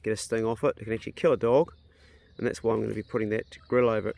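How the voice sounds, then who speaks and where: A man with a broad New Zealand accent, a vlogger and landowner, chats casually to his outdoor vlog, rambling plainly as he thinks aloud. His voice is on the low side and darkish, steady in tone but creaky, and he talks at a racing pace with no echo.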